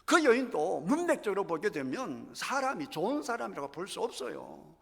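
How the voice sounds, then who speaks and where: A man's voice: high voice, very animated, normal speed, creaky, fairly bright tone. A middle-aged male pastor preaching a sermon emphatically in a church sanctuary, acting out scripture scenes with drama. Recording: echoey church hall.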